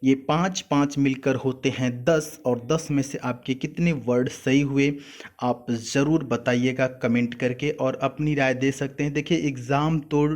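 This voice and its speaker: A young man walks students through vocabulary in a patient, explanatory way. His voice sits at an ordinary middle pitch, and he repeats each meaning so that it sticks. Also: steady tone, measured pace, a little mellow. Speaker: exam prep teacher.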